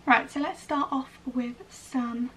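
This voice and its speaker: Speaking slowly in a high-pitched voice with fairly even intonation, this young adult from Wales films a casual get-ready-with-me vlog in a small bedroom. She's training as a ballet dancer, and the mic sits slightly distant in a noticeably noisy room.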